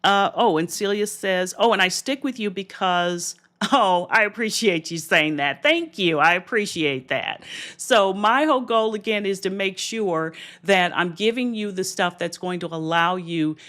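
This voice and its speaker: Woman, business coach, livestream talk, encouraging, direct, mid pitch. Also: measured pace, fairly bright tone. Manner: encouraging, direct, with restarts and asides to viewers. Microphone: streaming camera setup.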